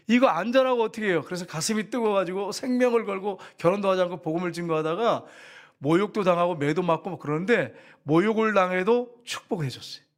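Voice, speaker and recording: Male preacher, middle-aged, rapid lively sermon, slightly high voice. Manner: animated, addresses congregation often, acts out prayers softly. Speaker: pastor.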